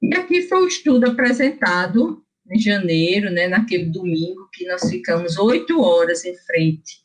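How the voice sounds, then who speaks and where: A woman's voice: lowish voice, lively intonation, normal speed. Woman physician giving a lecture. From Brazil. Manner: explanatory, frequent fillers and self-corrections. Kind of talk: academic lecture.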